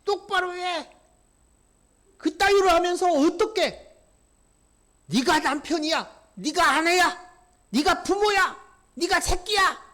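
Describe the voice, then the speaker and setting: A man's voice: extremely high pitch, slow pace, pauses often, bright, forceful tone, voice pushed up, exaggerated voice. A man voicing a sneering, contemptuous male accuser spirit who barks harsh, belittling commands. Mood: scolding.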